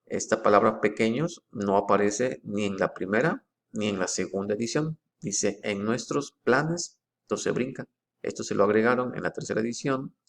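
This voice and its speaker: Low gravelly man, methodical explainer. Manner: slow, deliberate reading of quoted phrases. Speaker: presenter comparing book editions.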